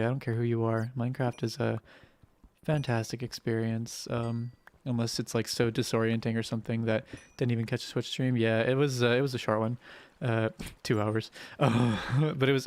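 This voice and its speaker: A young adult streamer with a roughed-up, hoarse voice, chatting casually and swearing freely while playing and talking to viewers, speaking gently to spare the voice. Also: mid-range voice, fairly even intonation, a little fast. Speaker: game streamer. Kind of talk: casual live-stream gameplay commentary.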